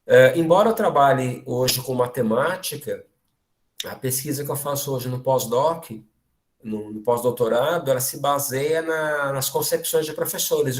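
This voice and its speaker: A man from Brazil giving an online academic lecture, lively and full of fillers and restarts. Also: fairly high pitch. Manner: animated, many fillers and restarts.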